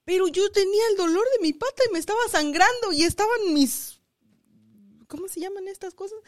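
A woman's voice: very high-pitched, a little fast, no echo, clean studio sound. A woman from Mexico co-hosting a casual family podcast, asking probing questions and telling childhood stories. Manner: lively, probing questions, code-switches briefly into English. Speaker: podcast co-host.

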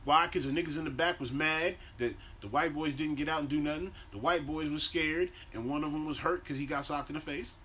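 Talking briskly with hardly any pauses, this podcast co-host sounds bright and forceful. He's an American spinning animated stories full of slang and cursing, bantering casually, and he says his own voice is deep. The recording has faint background noise.

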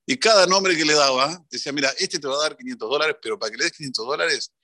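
A man with an Argentine accent, a religious teacher giving an animated storytelling sermon. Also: fairly high pitch, fast, no room sound, clean studio sound. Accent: Argentine Spanish. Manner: animated, swings between voices.

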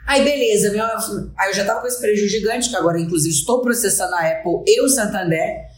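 A woman's voice: mid-range voice, fast, shouting, heavy background noise. A woman on a podcast, telling a story in a casual, dramatic way and acting out the people in it. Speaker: podcast co-host. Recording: roomy echo.

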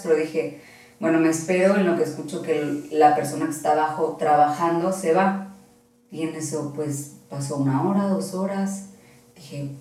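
A woman with a Mexican accent, a guest telling a personal story casually and in a rambling, animated way. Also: low-pitched. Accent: Mexican Spanish. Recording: echoey room, far from the mic.

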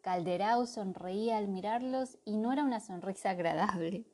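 A woman reading a children's storybook aloud, narrating in an expressive way. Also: mid-range voice, moderate pace. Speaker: storybook reader.

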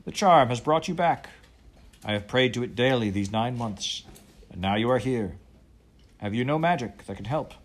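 A man voicing a fierce, proud sea captain who speaks in a loud, declamatory way. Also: mid-range voice, moderate pace, natural voice. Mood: pleading.

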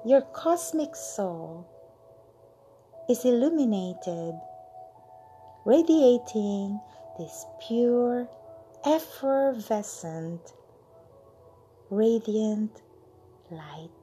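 A woman leading a channeled guided meditation, soothing and drawn out, with lines that fade into breathy whispers. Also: fairly high pitch, animated, extremely slow, pauses often, mellow, soft background music.

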